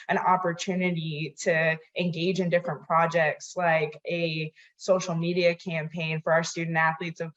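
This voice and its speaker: A woman from New York, a guest giving an earnest, measured account of her own experience. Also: low voice. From New York, United States. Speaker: guest, inclusion administrator. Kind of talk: reflective personal account. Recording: dull, muffled audio.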